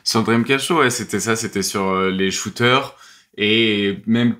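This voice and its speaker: A man speaking as a podcast guest in casual chat, with halting phrasing and repeated starts. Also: on the low side, fairly bright tone. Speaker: podcast guest, basketball commentator.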